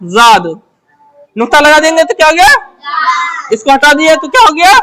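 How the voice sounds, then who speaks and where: High-voiced woman drilling letters. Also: big pitch swings, normal speed, crowd noise. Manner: asks questions and answers them herself, repeating phrases. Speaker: Urdu teacher. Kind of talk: letter-by-letter script lesson.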